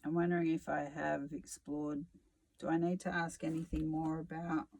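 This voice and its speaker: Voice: medium pitch, little pitch movement, moderate pace, gravelly, darkish tone, slight background noise, poor audio. A tarot reader giving a reflective solo reading, musing aloud with sarcasm and casual swearing.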